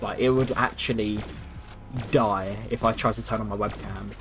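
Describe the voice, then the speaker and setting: Music plays behind a young man streaming a game at his PC, with slight background noise too. His fairly low voice is fairly bright, evenly intoned and at normal speed, as he chats and rambles casually with some swearing into the mic.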